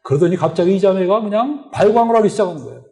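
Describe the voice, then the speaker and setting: A man's voice: sits high, rapid-fire. A middle-aged man preaching at a church retreat, telling a story and acting out the dialogue in it. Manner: animated storytelling, acts out dialogue. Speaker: lay preacher. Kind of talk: sermon with story. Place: retreat hall.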